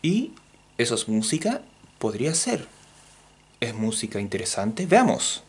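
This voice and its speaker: A Chilean man teaching music theory in a playful video lesson, joking as he goes and counting beats out loud. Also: medium pitch, a little slow. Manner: jokey, animated, counts beats aloud.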